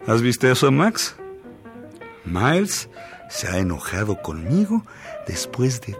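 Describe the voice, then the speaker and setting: A man voicing a scheming, mocking male bandleader who dodges paying his band, in a taunting, evasive manner, pitched above his own reading voice. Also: huge pitch swings, slow pace, over music, full character voice.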